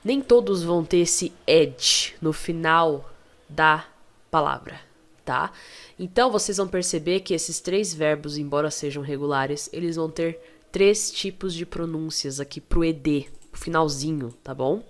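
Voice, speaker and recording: Low-voiced Brazilian woman teaching English. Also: unhurried. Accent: Brazilian Portuguese. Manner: chatty, coaxing, checks in with tag questions. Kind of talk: online language lesson.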